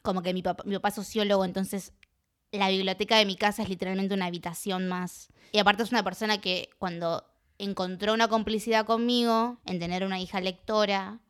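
A woman with an Argentine accent, a guest in a casual conversation, telling personal anecdotes in a lively way and laughing often. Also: mid-range voice, fairly quick. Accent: Argentine Spanish.

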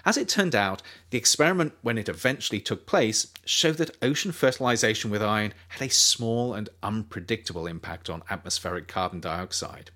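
A low-voiced man reads his own nonfiction work aloud as an audiobook, his pitch lifting and dipping with lively, animated emphasis. Throughout, he maintains a measured and steady pace.

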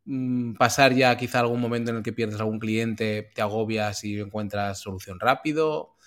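A man from co-hosting a podcast, talking in a casual, reflective way with hesitant pauses and fillers. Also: lowish voice, a bit bright. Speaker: podcast co-host. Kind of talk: casual chat.

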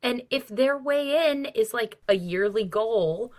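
A woman with a slightly high voice and lively intonation speaks slowly as a podcast co-host talking about books. She's casual and opinionated, emphatic and exasperated, and swears freely.

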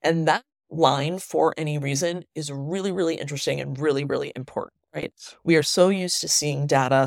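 Woman host on a low-quality recording. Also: vocal fry, no room sound, studio quality. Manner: earnest, emphatic, repeats words for stress. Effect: low-quality audio recorded without her usual microphone. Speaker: podcast host and newsletter writer. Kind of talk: solo news commentary. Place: family home, indoors.

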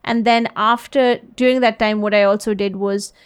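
A woman in her thirties, raised in India and the US, answering interview questions in a relaxed, thoughtful way with many fillers and restarts. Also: medium pitch, normal speed, clear, resonant tone. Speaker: interview guest, social enterprise CEO. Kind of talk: casual interview conversation.

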